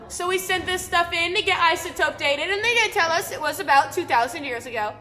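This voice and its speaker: A woman's voice: very high voice, sharp tone. A young woman giving a chatty, joking cave tour to a group, with a long cave echo around her voice. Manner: chatty and joking, keeps calling the group "guys". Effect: cave echo, long reverberation. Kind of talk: guided tour talk to a group. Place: inside an underground cave. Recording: echoey cave with long reverb.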